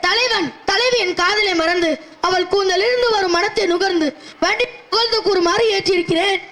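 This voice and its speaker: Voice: extremely high pitch, moderate pace, crowd noise. A performer playing a proud, haughty male poet who boasts and challenges in formal declamation. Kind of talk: Tamil stage-play acting.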